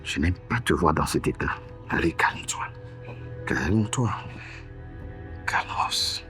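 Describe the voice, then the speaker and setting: An actor playing a smooth-talking younger brother in a TV drama, speaking French with a West African accent, coaxing and soothing his sister. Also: on the low side, sing-song, slow, soft background music. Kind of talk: TV drama dialogue.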